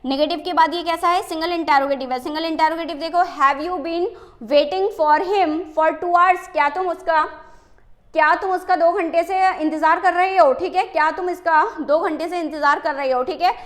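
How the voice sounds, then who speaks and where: High-voiced woman teaching grammar. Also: steady tone. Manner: repeats rhetorical questions, frequent "ठीक है" checks; reads English example sentences slowly and deliberately. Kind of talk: Hindi-English tense lesson.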